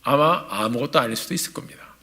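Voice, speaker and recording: A male pastor in his forties preaching a sermon in a church, telling a story in a lively, animated way. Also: mid-range voice, fast. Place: church sanctuary.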